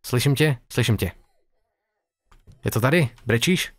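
A man's voice: mid-range voice, lively intonation, no echo. A young man playing a horror game and talking to himself in nervous, joking commentary. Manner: talks to himself, jittery, joking. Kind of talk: nervous let's-play commentary.

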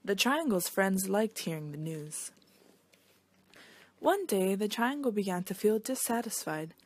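A woman reads a children's picture book aloud with expressive storytelling. Her voice sits in the mid-range and she takes her time.

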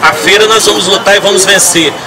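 A man's voice: high voice, fast talker. A man in his thirties, a city councillor, giving a rousing speech to a crowd with a handheld mic in an outdoor square. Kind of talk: public speech at a rally. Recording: distant mic, loud street noise outdoors.

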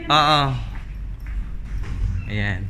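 A man's voice: on the low side, animated, extremely slow. A man from the Philippines, vlogging casually through a face mask, chatting to his viewers and laughing between phrases. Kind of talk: casual vlog narration to viewers. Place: inside a busy fast-food restaurant. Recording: echoey room with loud background noise.

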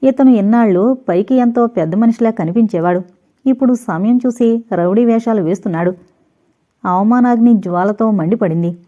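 Mellow-voiced woman narrating a novel. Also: a little high, moderate pace, muffled recording. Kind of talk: scripted narration.

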